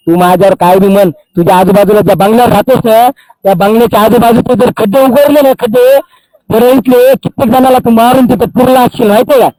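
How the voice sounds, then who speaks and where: Angry activist, high dark voice, dry close sound, accusing and repetitive. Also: male voice, dry recording, poor audio. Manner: furious, accusing, repeats phrases for emphasis. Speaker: social activist. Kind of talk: angry public tirade. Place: outdoors by a Holi fire.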